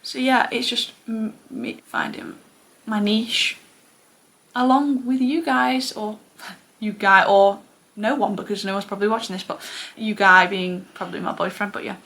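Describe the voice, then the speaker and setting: A young woman with a Mancunian accent talks casually to her camera, drifting between thoughts with plenty of fillers and self-deprecating asides. Her voice sits mid-range and slips often into a gravelly fry. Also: mid-range voice, steady tone, measured pace, a bit bright. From England. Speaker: booktuber.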